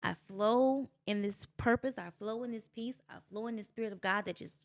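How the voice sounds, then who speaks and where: A woman guest on a podcast, telling her story in a casual, animated way and jumping into high voices when she quotes people. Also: normal speed.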